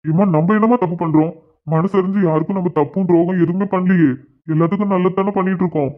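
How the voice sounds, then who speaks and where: A man's voice: high voice, steady tone, quick pace, natural voice. A man doing a caring cartoon grandfather, tinny. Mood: soothing. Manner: soothing, questioning.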